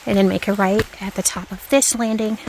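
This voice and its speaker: A woman hosts a casual hiking vlog outdoors in the woods. Her voice sits at a middle pitch and she thinks aloud without a script. A light layer of outdoor noise sits behind her. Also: steady tone, fairly quick. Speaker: hiking vlogger, host. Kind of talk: casual narration while hiking. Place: outdoors on a forest trail. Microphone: handheld camera carried while walking.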